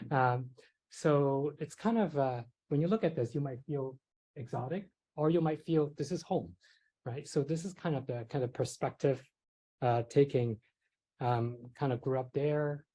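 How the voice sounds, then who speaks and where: Unhurried and dark-toned, the mid-range voice of a middle-aged Hong Kong man carries through a lecture hall as he teaches psychiatry as a professor. He speaks conversationally, weaving in personal stories, many fillers, and gentle laughs at his own expense.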